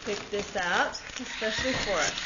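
A woman chatting and teasing slowly at a family gift opening, heard on an old VHS home video. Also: mid-range voice. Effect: old VHS home video recording. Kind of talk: casual family chat, narrating the gift opening. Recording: hissy, dull old VHS tape.

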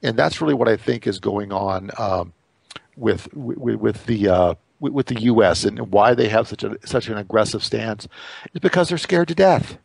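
A man's voice: on the low side, expressive, normal speed, creaky, a little mellow, no echo. A middle-aged American man hosting an interview show, talking casually and often stumbling over repeated words as he starts his sentences. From United States. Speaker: radio show host.

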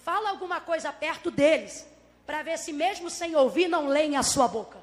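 A Brazilian woman preaching a dramatic sermon, swinging from shouts to hushed asides and acting out the scene's characters in dialogue. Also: high voice, expressive, normal speed. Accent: Brazilian Portuguese. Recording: long reverb of a large hall.

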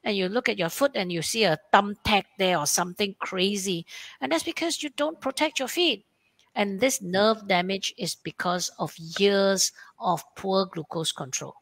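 A woman's voice: medium pitch, normal speed, fairly bright tone, dry recording. A woman endocrinologist with a Malaysian English accent answers webinar questions, explaining plainly and acting out what her patients say.

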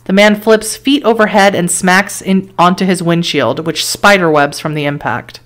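A woman streamer reads an interactive horror story out loud, pausing to weigh each choice with quick, startled remarks and laughter. Her voice sits on the low side.

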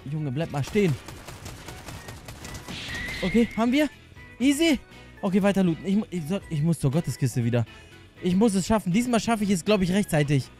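A man's voice: high voice, sing-song, a little fast, pauses often, over music. A young man giving hectic, jokey running commentary on his gameplay, often pleading with the game. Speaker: gaming YouTuber.

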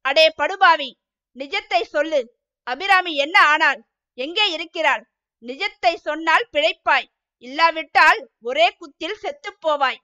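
A woman's voice: high voice, a little slow, pushed and bright, muffled recording. A woman voicing a fierce young male outlaw who threatens his captive harshly, in a storybook reading. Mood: menacing.

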